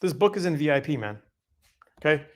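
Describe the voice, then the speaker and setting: A man's voice: on the high side, very animated, a little fast, background noise. A middle-aged man hosting a casual live Q&A, answering viewer questions in a loose, conversational way with fillers and self-corrections.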